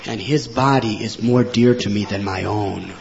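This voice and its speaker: A man voicing a stern, angry divine lord who speaks low and grave, on a dull lo-fi recording. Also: normal speed, gravelly, a little hiss or hum.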